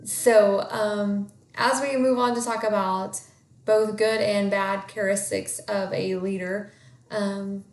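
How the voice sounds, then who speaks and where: A congested woman introduces herself in a loose, hesitant way, pausing often on fillers. Her pitch sits in an ordinary middle range for a woman. The recording has a noticeable room echo. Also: steady tone. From Kansas, USA. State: congested with a cold. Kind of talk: casual self-introduction.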